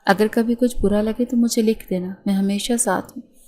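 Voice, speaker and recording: A woman voicing a protective teenage boy who speaks softly and reassuringly. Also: mid-range voice, steady tone, close to an everyday voice. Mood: tender. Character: protective teenage boy, gentle big brother.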